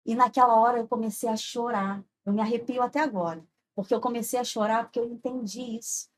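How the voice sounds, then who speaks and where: A woman's voice: a little high, steady tone, quick pace, a little hiss or hum. A woman, a podcast guest telling an earnest personal faith story and often checking in with "sabe?". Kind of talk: heartfelt personal testimony.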